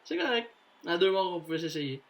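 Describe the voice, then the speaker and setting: A man with a Quebec French accent commentates his own baseball video game in a loose, chatty way. His voice sits a little high and leaps all over the place, from low muttering to cheering. He curses freely and mixes in English phrases. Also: big pitch swings, brisk, creaky, a bit bright, low-quality recording. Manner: curses often. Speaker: gamer doing commentary. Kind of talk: casual gameplay commentary.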